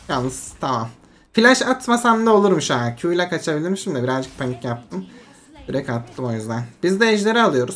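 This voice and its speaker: A game streamer giving casual, excitable commentary over their own match, swinging between frustration and hype and talking themselves back to calm. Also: medium pitch, a little hiss or hum. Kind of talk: live gameplay commentary.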